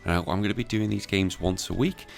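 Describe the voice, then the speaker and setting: Very deep, subdued British man talking quietly at night. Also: fairly quick. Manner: subdued, hushed voice kept down at night. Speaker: gaming content creator. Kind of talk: casual game battle commentary. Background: clear background music.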